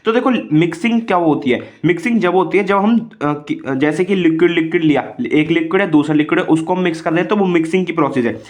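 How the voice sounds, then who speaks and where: High-voiced man tutoring. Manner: explains step by step, asks and answers his own questions; reads English definitions slowly, then explains quickly. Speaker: pharmacy tutor. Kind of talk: exam-prep lecture.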